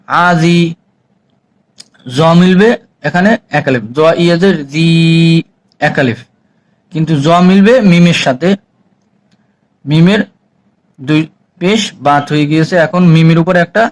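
A man teaching Quran reading, spelling out each letter and vowel slowly before chanting the joined words. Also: on the high side, poor audio. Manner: slow, drawn-out syllable-by-syllable spelling and chanted recitation. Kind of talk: spelling-out recitation lesson.

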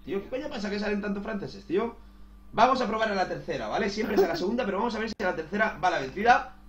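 A man commentating his own game, excitable, swearing and saying "tío" all the time. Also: sits high, very fast, roomy sound, crowd noise. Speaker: gaming youtuber. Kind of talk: casual gameplay commentary.

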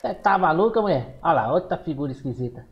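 A man with a Brazilian accent giving excitable commentary on a horror game, exclaiming and talking back to the characters on screen. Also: a little high, fast talker, creaky, dull audio. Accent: Brazilian Portuguese. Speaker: gameplay streamer.

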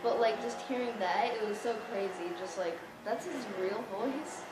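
A woman's voice: fairly high pitch, normal speed, crowd noise. A young woman casually chatting while playing a video game, talking with lots of "like" and giggling. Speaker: gamer. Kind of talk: casual gaming chat. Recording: echoey room with loud background noise.

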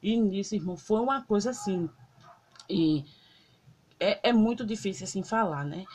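A Brazilian woman with a mid-range, slightly rough voice records on her phone at a moderate pace. In a casual spoken testimony, she emotionally recounts a dream, rambling with plenty of fillers, while loud guitar music plays behind her.

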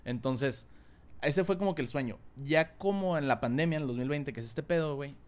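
A man from Monterrey with a northern Mexican accent, chatting casually as a podcast guest, slangy and full of filler words. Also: a little high. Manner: fast, slangy, fills every phrase with filler words. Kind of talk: casual chat.

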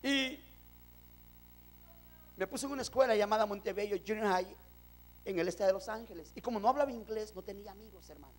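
A man from El Salvador preaches his testimony with fervor, calling his listeners brothers. His voice sits unusually high for a man. He swings from loud, stretched declarations to quiet storytelling. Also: a little fast, pauses often. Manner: impassioned, addresses congregation as brothers. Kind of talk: testimony sermon.

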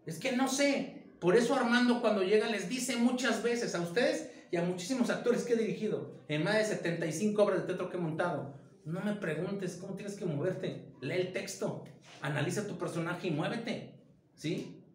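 A man's voice: high-pitched, moderate pace, roomy sound. A man, a theater director teaching an informal acting lesson and firing off many rhetorical questions.

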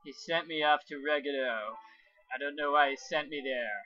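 A man's voice: on the high side, moderate pace, bright, forceful tone. A man giving casual commentary on a game playthrough, thinking aloud and explaining the plot as he goes. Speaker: gamer narrating a playthrough. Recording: dull lo-fi mic, game music behind.

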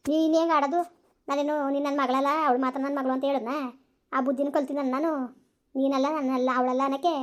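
Acting in a village family drama, a woman plays a worried mother who nags but cares, pleading with and scolding her family. Her voice is high and close to how she'd normally speak.

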